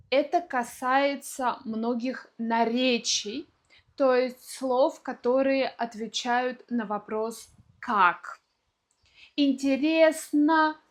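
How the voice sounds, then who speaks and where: A woman teaching a video lesson, explaining pronunciation slowly and deliberately, with spoken examples. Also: a little high. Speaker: language teacher.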